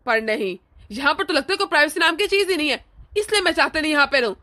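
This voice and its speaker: A scornful young husband in a cartoon, voiced by a woman. He scolds and sneers, and the voice sits very high. Its tone is bright and cutting. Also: lively intonation, quick pace. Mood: scolding. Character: young husband, rude and scornful to his mother. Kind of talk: cartoon voice acting.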